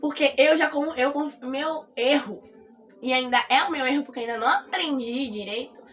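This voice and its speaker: A woman's voice: high voice, normal speed, a bit bright, a little hiss or hum. A woman with a Brazilian accent giving casual advice straight to her viewers, repeating her points and checking in that they understand. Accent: Brazilian Portuguese. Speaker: vlogger.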